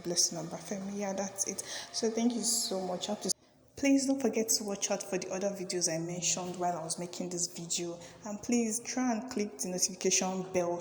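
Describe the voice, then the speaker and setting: Young woman vlogger gushing to camera, lowish voice, long reverby room sound. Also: darkish tone, slight background noise. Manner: chatty and effusive, repeatedly urging viewers to like and subscribe. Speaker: fashion and sewing vlogger. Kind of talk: casual chat to camera.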